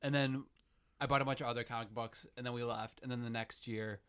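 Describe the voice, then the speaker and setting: A man's voice: medium pitch, steady tone, a little fast, a bit bright, clean tone. Easygoing man telling a story. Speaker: podcast co-host. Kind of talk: casual chat.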